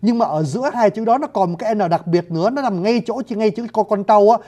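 A man's voice: high voice, quick pace, dark tone. A man teaching a lesson on writing systems and sounds, politely addressing his viewers and demonstrating pronunciations. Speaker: language teacher. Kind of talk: video lesson on scripts and sounds.

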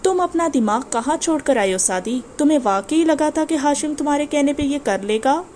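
A woman voicing a haughty, scornful older society woman in an audiobook, with a sharp tone. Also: sits high, lively intonation, a little hiss or hum.

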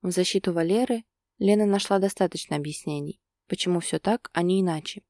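A woman narrating a romance story in steady, scripted audiobook style. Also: on the low side, a little fast, dry recording, clean studio sound.

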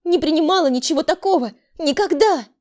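Woman voicing a shrill, frightened younger sister. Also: expressive, measured pace, warm tone, soft background music. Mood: desperate. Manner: shrill, pleading, indignant.

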